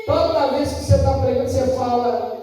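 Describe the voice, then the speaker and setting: Man, Brazilian Portuguese accent, pastor preaching, folksy storytelling, high voice, distant mic, long hall reverb. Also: a little fast, music in the background. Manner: folksy storytelling, acting out quoted people. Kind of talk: sermon.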